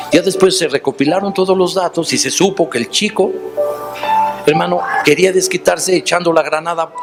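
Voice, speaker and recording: A man with a Mexican accent preaching a sermon, telling stories and asking the listeners questions directly. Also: fairly high pitch. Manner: storytelling, addressing listeners directly with rhetorical questions.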